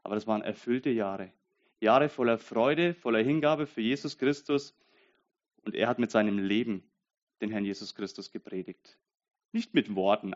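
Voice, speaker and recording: A young man preaching a sermon in an earnest way, dropping to a soft, intimate voice and then rising to loud, emphatic bursts. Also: fairly low pitch, dull audio. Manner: reads Bible verses aloud.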